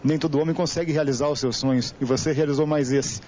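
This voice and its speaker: A male TV sports reporter with a Brazilian Portuguese accent, asking brisk leading questions. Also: fairly high pitch, fairly even intonation, a little mellow. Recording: lo-fi archive TV audio with faint hiss.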